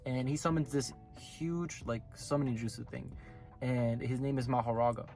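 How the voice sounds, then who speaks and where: A man who is sick reviews anime at normal speed, his voice hoarse and raspy, middle in pitch, with fairly even intonation. He's casual and rambling, often stopping mid-sentence to correct himself, as soft music plays faintly under him.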